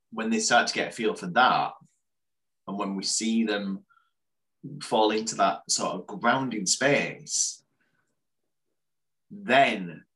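A man with a low-pitched yet bright, forward voice, co-hosting a relaxed conversation over a video call. He thinks aloud, circling back and restarting his sentences as he goes. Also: low-quality recording. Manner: meandering, thoughtful, with many restarts. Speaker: co-host and coach. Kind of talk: casual conversational podcast.

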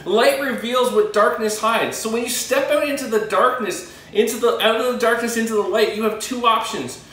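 Echoey preaching man, high voice. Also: fairly bright tone. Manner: earnest preaching with slow emphatic pauses. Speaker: pastor. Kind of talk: sermon. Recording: very echoey room, voice from a distance.

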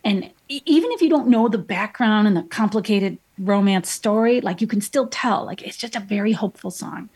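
In a casual interview, a female painter in her thirties spins chatty stories full of fillers and restarts. She talks a little fast with hardly any pauses, her mid-range voice husky and darkish.

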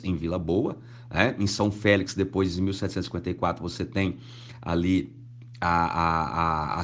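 A man, a history professor explaining in a conversational way, often checking in with the listener. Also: fairly low pitch. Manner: conversational, many fillers like né. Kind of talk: interview explanation.

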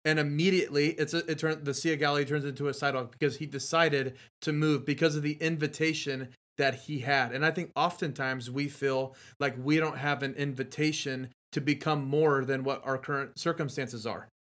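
Earnest guy on a faith show, kinda high voice, keeps saying right. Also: fairly even intonation, fairly quick, hardly any pauses, fairly bright tone. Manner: earnest, encouraging, fond of tag questions. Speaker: guest. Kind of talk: faith talk conversation.

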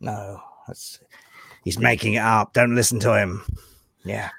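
Man doing a gravelly grumpy monster puppet. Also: lowish voice, fairly even intonation, unhurried, a bit bright, no room sound, studio quality, exaggerated voice. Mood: mocking. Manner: gruff and grumbling, mocking his puppeteer.

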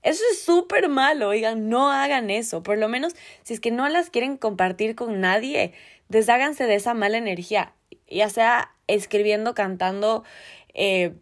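A woman's voice: a little high, normal speed. A young woman co-hosting a podcast, speaking to her listeners directly and giving them advice in a casual way. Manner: gives advice straight to listeners. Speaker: podcast co-host. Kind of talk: casual chat.

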